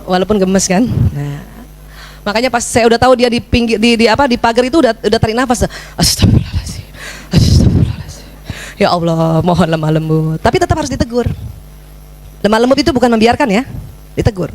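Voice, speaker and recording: A middle-aged woman giving a religious parenting lecture, lively, acting out little scenes with her child. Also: on the high side, fast talker.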